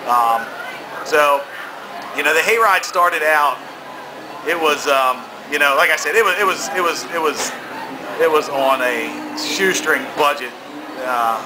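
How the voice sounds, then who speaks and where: A man's voice: on the high side, a little slow, noisy background. A middle-aged American man talking casually in an interview, rambling and repeating himself with emphasis. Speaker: haunted attraction founder being interviewed.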